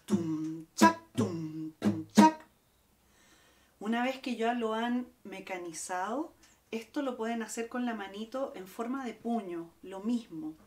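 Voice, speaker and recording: A woman's voice: on the high side, normal speed, darkish tone. A woman teaching a guitar lesson, explaining step by step and counting out the strums. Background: acoustic guitar playing.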